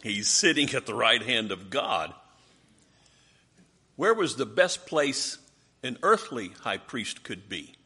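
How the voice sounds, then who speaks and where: A man's voice: mid-range voice, big pitch swings, takes it slowly, long pauses, pushed and bright, slightly rough. A man leading a Bible study class, teaching animatedly and putting questions to his listeners.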